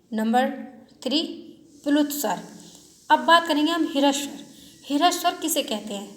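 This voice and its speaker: A woman teaching a Hindi lesson to schoolchildren, asking questions and answering them herself, drawing out vowel sounds to show their length. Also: sits high. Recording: echoey room with faint noise.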